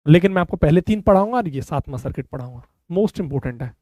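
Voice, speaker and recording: A man's voice: on the high side, animated, fairly quick, warm tone, no echo. A man teaching a physics class online, calling students "beta" and explaining step by step in a conversational way.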